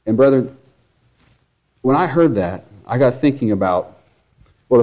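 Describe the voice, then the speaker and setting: A man preaching a sermon in a church, earnest and emphatic, stacking repeated phrases and moving between loud proclaiming and low, quiet reflection.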